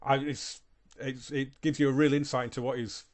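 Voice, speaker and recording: A man's voice: mid-range voice, little pitch movement, brisk, soft background music. A man hosting a reaction video, thinking aloud in casual commentary, often stumbling and repeating words.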